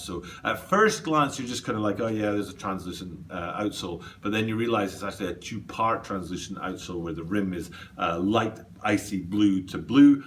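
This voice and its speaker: A man's voice: low-pitched, distant mic, slight background noise. A man giving a casual, enthusiastic sneaker review indoors, rambling with lots of fillers and restarts. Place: indoor room.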